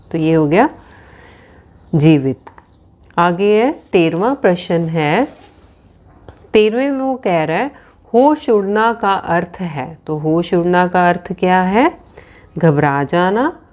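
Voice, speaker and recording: A woman's voice: fairly low pitch, a little mellow. A woman teacher working through a worksheet with children, reading out options and spelling words letter by letter.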